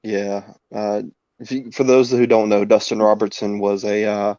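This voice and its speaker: A man's voice: fairly low pitch, little pitch movement, moderate pace, mellow, dry recording, highs cut off. A man in his twenties hosting a casual chat, telling anecdotes and laughing through them. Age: 20s. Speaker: podcast host.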